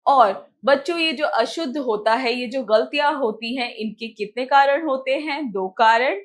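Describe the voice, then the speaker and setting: A woman's voice: high-pitched, measured pace. A woman teaching a grammar lesson to young children, explaining step by step.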